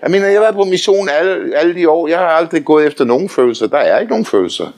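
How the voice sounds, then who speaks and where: An older man preaching a sermon, telling lively anecdotes, often laughing and calling on listeners to say amen. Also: a little high. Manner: animated storytelling, often laughing, calls for amens.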